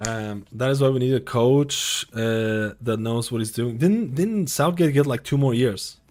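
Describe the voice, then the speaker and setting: A Lithuanian man in his thirties, with a medium-pitched, darkish voice and a slightly slow pace, chats casually with viewers on a live stream from his home streaming room. He rambles, repeats himself, and uses lots of fillers, with faint music behind.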